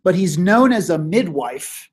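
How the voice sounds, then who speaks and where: A man teaching a review session in a classroom, with his voice a bit worn. He talks casually with lots of ums and likes, and keeps clearing his throat. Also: high-pitched, animated, measured pace, a little mellow. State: losing his voice.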